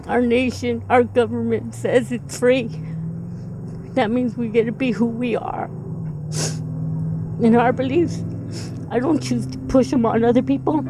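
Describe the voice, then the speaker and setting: A woman, a mother being interviewed, speaking earnestly and pleadingly, often repeating herself. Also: a little high. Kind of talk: emotional interview testimony.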